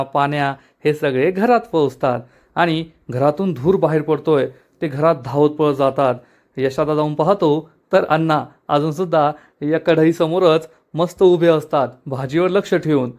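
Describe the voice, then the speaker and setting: A man walks through the plot of a serial episode in quick storytelling, addressing his viewers as friends. His voice is slightly high for a man and stays steady and clear as he moves from scene to scene. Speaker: serial recap narrator. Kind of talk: TV episode recap narration.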